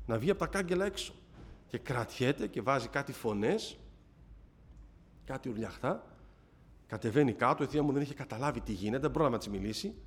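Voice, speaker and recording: A man giving a personal religious testimony to a congregation, telling it dramatically, rising loud then dropping to a hush. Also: mid-range voice. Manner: dramatic storytelling, swings between raised and hushed voice.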